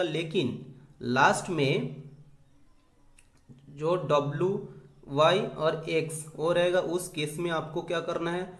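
A man teaching a grammar lesson, slowly spelling out rules and saying each example word twice. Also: a little high, roomy sound. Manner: slow, deliberate, repeats each example word twice, mixes Hindi and English. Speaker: English teacher.

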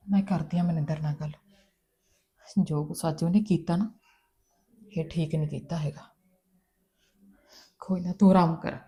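An actress playing a middle-aged mother who is soft and consoling one moment and loudly scolding the next. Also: mid-range voice, natural voice. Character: stern but caring middle-aged village mother. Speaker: mother and sister-in-law. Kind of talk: Punjabi family drama acting.

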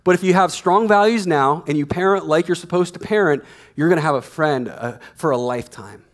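A man's voice: a little high, fairly quick. A man in his thirties preaching a sermon on a church stage, emphatic and repeating his key lines, on a headset mic. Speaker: pastor.

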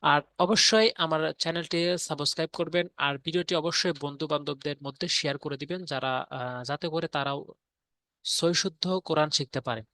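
A man leads a step-by-step lesson, drilling sounds patiently and repeating each example. His voice is bright and fairly high for a man. The recording is close and dry, with no room sound. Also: steady tone, a little fast, dry recording. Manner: patient, repetitive drilling with frequent fillers. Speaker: Quran reading teacher. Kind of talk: spoken tutorial lesson.

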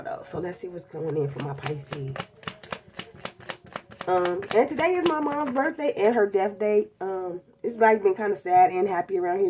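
A tarot reader with a deep voice and a stuffed-up cold chats bluntly and casually through a reading, calling her viewers babies. She sits indoors at a table covered in tarot decks, with noise in the background.

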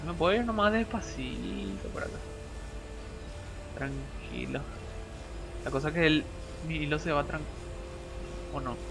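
Young guy streaming a game, kinda high voice, yelps a lot, game music going behind him. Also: brisk, creaky. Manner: excitable, yelps and groans at deaths, mixes in English words. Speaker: gamer streamer. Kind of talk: casual let's play commentary.

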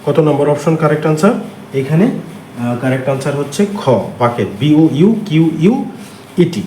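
A man with a Bangladeshi accent, teaching English grammar by walking through exam answers step by step with frequent filler pauses. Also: on the high side, darkish tone. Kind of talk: exam question walkthrough lesson. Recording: echoey room with faint ambient noise.

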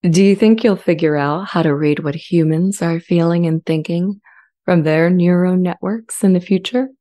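A woman playing an earnest, gentle artificial intelligence in a dramatized transcript, speaking in a measured, deliberate way. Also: fairly low pitch, steady tone, lightly acted. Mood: calm, inquiring. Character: earnest, gentle female-voiced sentient AI language model. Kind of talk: scripted dramatized transcript reading. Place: indoor home studio. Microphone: large studio condenser with pop filter, close.

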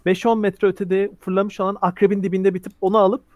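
A man's voice: sits high, level tone, a little fast, no room sound, dull audio. A man running a tabletop role-playing game, explaining rules and narrating action scenes vividly. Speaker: game master.

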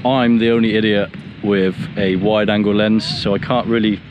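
A man's voice: lowish voice, moderate pace. A man in his thirties vlogging to camera outdoors on a beach, talking casually and with some self-deprecation. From England. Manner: relaxed, chatty, self-deprecating. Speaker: photography vlogger. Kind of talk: casual vlog talk to camera. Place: open beach outdoors at sunset. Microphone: camera-mounted mic, held at arm's length. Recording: faint outdoor noise.

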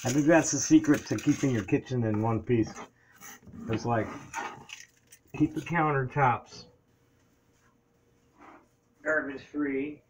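A man's voice: mid-range voice, slow, long pauses, background noise. Older man chatting while cooking at home. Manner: rambling, chatty, talks while working. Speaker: home cook vlogger. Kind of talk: casual cooking chat. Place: small home kitchen. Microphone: camera on counter.

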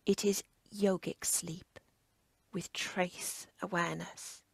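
In a very creaky, husky near-whisper, a woman guides listeners through yoga nidra relaxation. She's unhurried and soothing, using short measured phrases, her pitch barely moving and her tone level, with no echo.

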